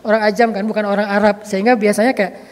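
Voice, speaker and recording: Joking Indonesian preacher in a reverberant hall. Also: male voice, high voice, fast. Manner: lively storytelling with jokes and laughter. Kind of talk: casual humorous sermon.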